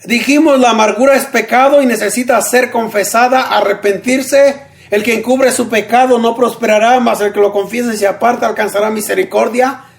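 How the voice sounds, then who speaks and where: A man preaching a radio sermon, earnest, repeating short phrases slowly for emphasis. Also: very high-pitched, steady tone, creaky.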